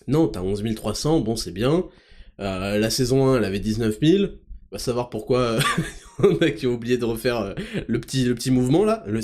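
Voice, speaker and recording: A man hosting a podcast in a comedic monologue, teasing and mock-angry with sudden shouts. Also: medium pitch. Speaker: podcast host.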